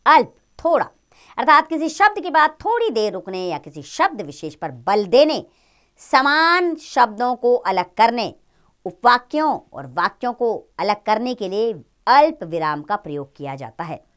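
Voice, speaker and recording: A woman teaching children a grammar lesson, speaking in an expressive, explaining tone. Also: a little slow. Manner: expressive, rises and falls in pitch.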